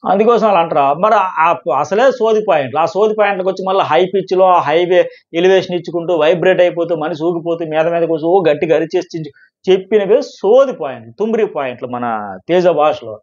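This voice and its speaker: A man giving fast live commentary on a reality show, emphatic and excitable. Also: a little high, lo-fi sound. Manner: excited, emphatic, quotes contestants in quick bursts.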